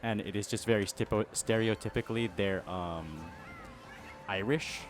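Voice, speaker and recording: A man's voice: lowish voice, normal speed. A man co-hosting a casual podcast, telling a rambling story with many restarts while playing a game. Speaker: podcast co-host. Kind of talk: casual chat while gaming.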